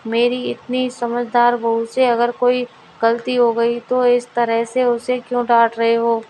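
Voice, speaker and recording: A woman's voice: on the high side, measured pace, a little hiss or hum, close to an everyday voice, poor audio. A woman reading a patient old father-in-law. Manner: calm, patient, gently commanding. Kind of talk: storybook dialogue reading.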